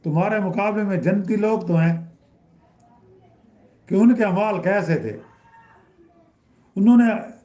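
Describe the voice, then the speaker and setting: A man's voice: sits high, mellow. Man teaching a Quran lesson, roomy sound. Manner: explains by repeating and rising in emphasis. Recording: roomy, dull lo-fi recording.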